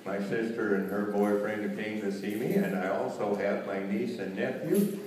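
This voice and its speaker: A man's voice: fairly low pitch, moderate pace, a little mellow. A man with a folksy cowboy drawl recites humorous cowboy poetry live, telling rhymed stories in a theatrical way. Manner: theatrical rhyming storyteller delivery. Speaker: cowboy poet performing on stage. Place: echoey room with live audience. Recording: roomy echo, distant mic, faint noise.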